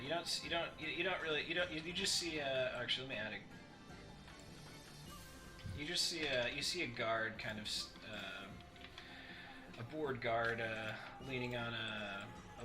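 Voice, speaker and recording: Halting man running a tabletop game. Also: medium pitch. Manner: halting, many restarts and fillers. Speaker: game master. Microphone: home mic that keeps breaking up. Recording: mic cutting in and out, faint music.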